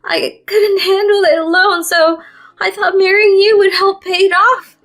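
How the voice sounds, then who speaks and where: A woman voicing a desperate young mistress who pleads and confesses in a tearful, high voice. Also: expressive, takes it slowly, fairly bright tone, faint music behind, exaggerated voice. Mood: confessing.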